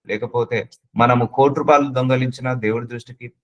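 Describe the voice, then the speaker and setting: A man's voice: medium pitch, fairly even intonation, a little fast, a bit bright, highs cut off. A man preaching a sermon, earnestly addressing the listener with repeated questions and slipping English words into his speech.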